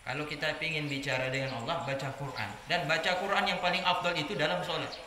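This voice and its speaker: A man preaching a religious study sermon to a group of women, telling lively stories and jumping higher in pitch for anecdotes. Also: fast. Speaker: Islamic preacher. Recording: echoey room with background noise.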